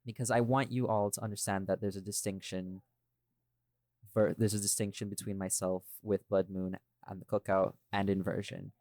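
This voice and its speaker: A man with a fairly low, slightly mellow voice delivers his words flatly at normal speed, yet emphatically, as he explains his creative choices. He hosts a casual podcast, creates audio dramas, and talks straight to listeners. The recording is dry.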